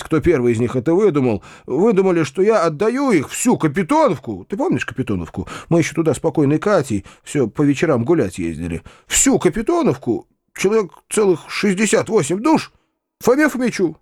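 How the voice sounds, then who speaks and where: Man doing a fussy older landowner, high lively voice, pleading, timid, audiobook. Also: dry recording, studio quality. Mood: flustered. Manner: fussy, pleading, talks in quick bursts. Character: flustered, timid, kindly older male landowner. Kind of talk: audiobook character voice.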